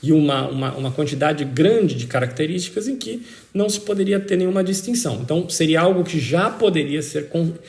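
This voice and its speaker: A citizenship expert with a Brazilian accent answers interview questions about the law, emphatically and didactically repeating key points. His voice sits on the high side, creaky and darkish, animated and fairly quick. Echo fills the roomy recording.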